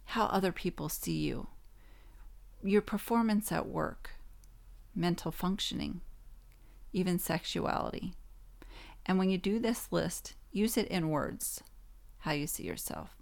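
Slow, gravelly, hoarse woman podcaster. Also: fairly low pitch. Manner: calm, instructive, gently encouraging. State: hoarse, losing her voice. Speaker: podcast host. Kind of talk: self-help podcast advice.

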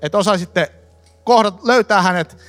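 High-voiced man preaching to a congregation. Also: soft background music. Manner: lively, fillers and restarts, addresses congregation directly. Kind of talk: live sermon teaching. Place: church hall with congregation.

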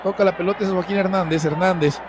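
Casting: Mexican male football announcer, very high excitable voice, breakneck goal commentary over a roaring stadium crowd. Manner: excitable, repeats names, drawn-out goal cries. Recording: noisy stadium broadcast with loud crowd. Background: loud crowd and stadium noise.

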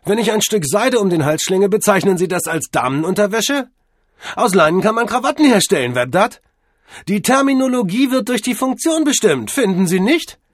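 A man voicing a brash young man who loudly bullies a butler, sarcastic and overbearing. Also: mid-range voice, sing-song, moderate pace, breathy edge, no echo, clean studio sound, pitched above the performer's own voice. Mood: mocking.

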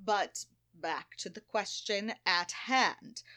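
A woman's voice: medium pitch, slow, bright, forceful tone. A woman voicing a cool, scheming villain mastermind in a comic radio play, speaking in clipped, menacing tones. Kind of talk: comic old-time radio play acting.

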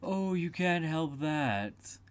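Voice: mid-range voice, animated, takes it slowly, voice pushed up. A narrator voicing a good-natured mad talking cat in a storybook, teasing and matter-of-fact. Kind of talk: storybook character reading.

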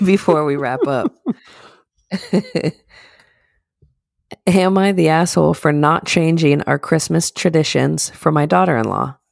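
A young woman co-hosts a casual podcast, telling stories in a loose, rambling, profane way. Her voice has a gravelly fry running through it. The sound is close and dry, with no room around it. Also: low voice, slow pace, long pauses, darkish tone, dry recording. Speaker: podcast co-host. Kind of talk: casual chat.

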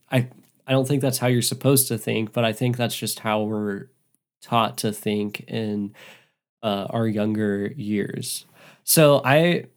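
A man co-hosting a casual book podcast, thinking aloud earnestly in long winding sentences. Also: medium pitch. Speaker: podcast co-host.

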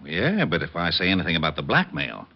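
A man playing a gruff but loyal police lieutenant in an old radio drama, blustery and plain-spoken. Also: sits low, huge pitch swings, quick pace, exaggerated voice. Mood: hesitant, friendly. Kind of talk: 1940s radio detective acting. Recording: muffled old radio recording.

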